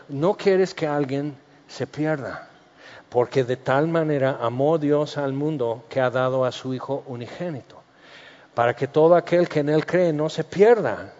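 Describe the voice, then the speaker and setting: A man preaching a sermon, lively and playful, acting out quoted voices between scripture passages. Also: on the high side. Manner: animated, acts out quoted voices, jokes mixed with scripture. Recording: dull reverberant church hall sound.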